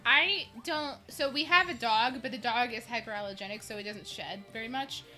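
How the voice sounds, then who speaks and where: A young woman with a bright, fairly high voice chats excitedly on a gaming stream. She stammers and restarts as her words tumble out. Faint game music sits in the background. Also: moderate pace. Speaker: streamer co-host. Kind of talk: casual gaming stream chat.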